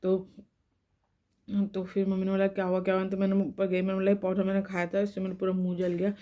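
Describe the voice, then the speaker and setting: This vlogger is a young woman whose mid-range voice is dark, monotone and quick. Her lips and tongue hurt, so she talks cautiously around the pain while telling a rambling story to camera and restarting her sentences.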